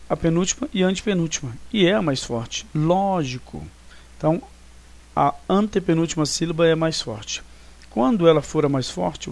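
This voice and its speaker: A man's voice: a little high, darkish tone. A Brazilian man teaching Portuguese grammar to ninth graders in a recorded online class. He explains step by step and keeps checking in with "né" and "tá".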